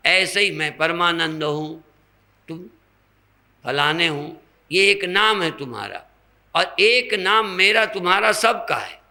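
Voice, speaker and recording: An older man, a swami, giving a slow spiritual sermon, teaching through rhetorical questions and everyday examples in a gravelly voice. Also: sits high, expressive, pushed and bright.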